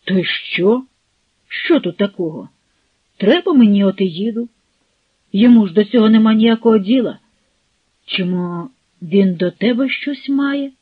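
A woman's voice: medium pitch, animated, a little slow, pauses often. A woman voicing a resolute young village man in an audiobook, speaking firmly and defiantly. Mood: determined. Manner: firm, defiant. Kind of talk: audiobook character voice. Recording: husky, phone-like, dry.

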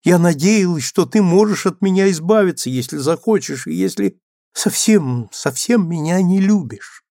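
A man's voice: high-pitched, animated, normal speed, mellow, no echo, clean studio sound, pitched above the performer's own voice. A man reading the part of a meek, remorseful young woman, pleading and trembling. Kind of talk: audiobook character reading.

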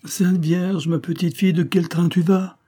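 Storybook reading: a fretful old maidservant, high and wailing, as a man puts her on. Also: level tone, moderate pace, warm tone, slightly rough. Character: fussy breathless old female servant.

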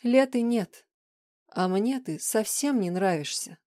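A woman's voice: a little high, expressive, takes it slowly, mellow, no echo, clean studio sound, pitched above the performer's own voice. A woman voicing a volatile young woman's vicious, mocking alter ego in an audiobook reading, snarling and hurling insults.

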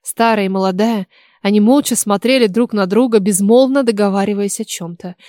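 A woman narrating a horror story audiobook in a steady, expressive reading. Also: mid-range voice, a little fast, dry recording, clean studio sound.

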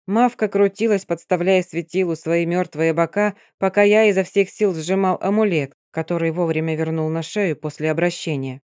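An audiobook narrator reading a first-person dark fantasy story in a steady storytelling manner. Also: medium pitch, normal speed, hardly any pauses, clean tone, no echo, clean studio sound.

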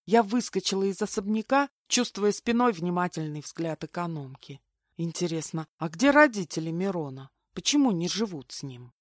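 A woman narrating a first-person audiobook in a lively, expressive way. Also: medium pitch, no room sound, studio quality. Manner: expressive, lively reading of a heroine.

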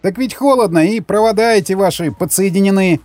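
A man voicing a flustered young male tank driver in an audiobook, shouting excitedly. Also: sits high, a little fast, dry recording, faint music behind, voice pushed up, close to an everyday voice. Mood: agitated.

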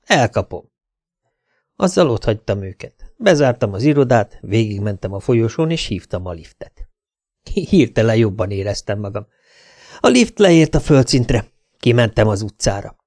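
A man narrating a first-person audiobook with a lively, character-driven reading. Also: lowish voice, no room sound, clean studio sound. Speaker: audiobook reader.

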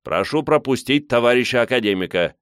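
A man's voice: medium pitch, expressive, brisk, a bit bright, clean tone, dry recording, studio quality, voice pushed up, close to an everyday voice. A man voicing a burly male official who bellows orders. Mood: pleading.

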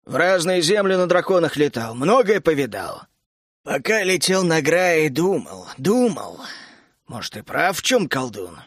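A gruff, grumpy middle-aged dragon keeper, put on by a male audiobook narrator, grumbling and scolding with sudden hot outbursts. The voice sits lower than his narration and is recorded close and dry. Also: sing-song, a little slow, fairly bright tone, no room sound, heavily acted. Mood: gloomy. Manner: grumbling, scolding, bursts out hotly. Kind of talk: audiobook character voice.

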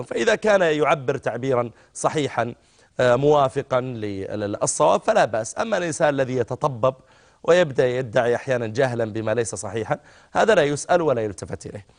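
Saudi male scholar, middle-aged, quick delivery, avuncular manner, call-in religious advice. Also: mid-range voice. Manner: avuncular, addresses callers as my son. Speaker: religious scholar answering callers.

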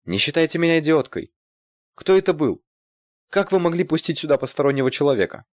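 A man voicing a rich, haughty woman who snaps at staff in a sharp, demanding way, for an audiobook. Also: mid-range voice, sing-song, fast talker, no room sound, clean studio sound, pitched above the performer's own voice, lightly acted. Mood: furious.

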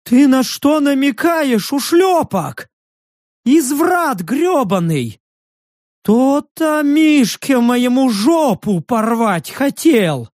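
A man voicing a jittery, touchy furry male beast-man who yelps and shouts in a high, strained voice. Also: sing-song, takes it slowly, dry recording, studio quality, exaggerated voice. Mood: indignant. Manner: high yelping, defensive shouting.

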